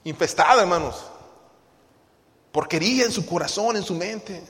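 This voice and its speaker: A man's voice: sits high, normal speed, a bit bright. A male pastor, preaching a sermon and emphatically questioning the congregation in church. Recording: long reverb of a church hall.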